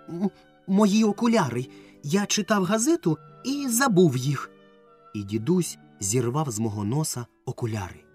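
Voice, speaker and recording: A man narrating a children's story as an audiobook, telling it lively and acting out the dialogue. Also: mid-range voice. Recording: dry close mic with faint music.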